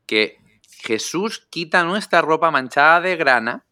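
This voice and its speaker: A man hosts a casual chat, teasing and energetic. His voice is bright and forward, and the recording is dry and close. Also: fairly high pitch, measured pace, no echo. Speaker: host.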